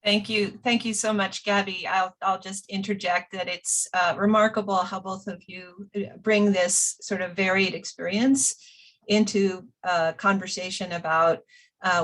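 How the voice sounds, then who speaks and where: A woman's voice: fairly low pitch, flat delivery, moderate pace, a bit bright, rough recording. A woman moderating a panel discussion, thanking guests and posing follow-up questions. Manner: polite, thanking and introducing guests.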